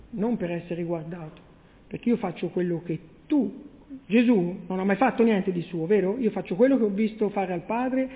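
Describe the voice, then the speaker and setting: Guy preaching a sermon, high voice, tinny phone-like sound, big echoey hall. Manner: rhetorical questions to the congregation, reading scripture aloud.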